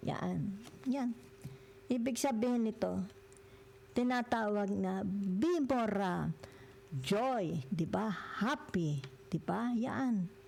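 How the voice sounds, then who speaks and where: Gravelly older tarot reader. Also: female voice, medium pitch, takes it slowly, pauses often, mellow, a little hiss or hum. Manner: peppers every phrase with questioning tag words. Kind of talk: tarot reading in mixed Tagalog and English.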